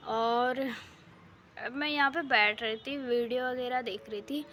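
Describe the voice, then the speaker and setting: A woman's voice: a little high, steady tone, unhurried, fairly bright tone, a little hiss or hum. Chatty young woman vlogging from a rooftop. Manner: chatty, rambling, full of fillers. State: sore throat. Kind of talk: casual daily vlog chat. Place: home rooftop, outdoors. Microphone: phone held in hand.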